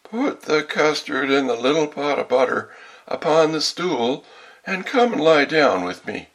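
A man acts out a sly, hungry wolf from a storybook. The voice is pushed high in false sweetness, coaxing and drawn out, with a rough husky edge and big swoops of pitch. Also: lively intonation, exaggerated voice, poor audio. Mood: falsely sweet. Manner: coaxing, drawn-out, put-on softened voice.

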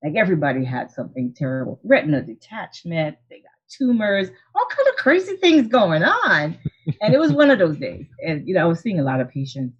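Her lowish voice swings widely in pitch and moves fairly quickly, slightly rough, with the highs cut off. A Haitian woman in her forties who is an optometrist and practice owner, she tells her story as a guest in a casual interview over a video call. She is earnest and reflective, with frequent restarts and gentle laughs.

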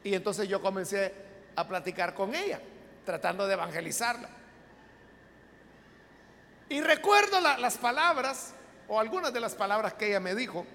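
A man's voice: sits high, expressive, moderate pace, vocal fry, long pauses, bright, forceful tone. Male pastor, chatty sermon storyteller, long church reverb, faint hum behind. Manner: conversational storyteller, with frequent asides.

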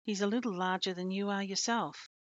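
Sincere middle-aged man, read by a woman, gentle and measured, dull lo-fi sound. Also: mid-range voice, steady tone, no room sound, natural voice. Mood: convinced. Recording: dull lo-fi dry recording.

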